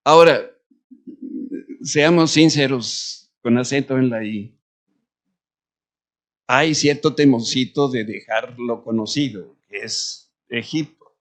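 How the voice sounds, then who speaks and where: A man preaching a sermon in church as pastor, asking the congregation questions and moving between loud and quiet delivery. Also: medium pitch, unhurried.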